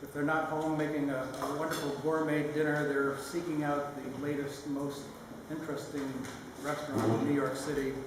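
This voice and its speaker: An older man giving a sentimental, lightly humorous father of the bride speech, halting with pauses mid-phrase. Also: on the high side, flat delivery. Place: large reverberant room at a wedding reception. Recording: echoey hall, distant mic, noisy room.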